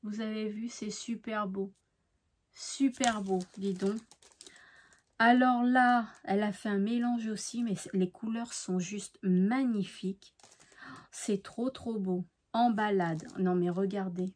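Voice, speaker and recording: Woman host, unhurried and gushing over each handmade card, mid-pitched, softening to hushed asides. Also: fairly even intonation. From France. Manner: slow, effusive, admiring, drops softly to near-whispers. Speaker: craft channel host. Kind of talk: casual mail-opening show-and-tell.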